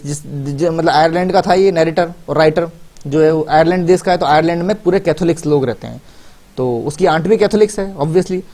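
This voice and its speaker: A man teaching a story, reading English lines slowly and then explaining them in Hindi with many fillers. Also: fairly high pitch, warm tone. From India. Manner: repeats and rephrases with many fillers.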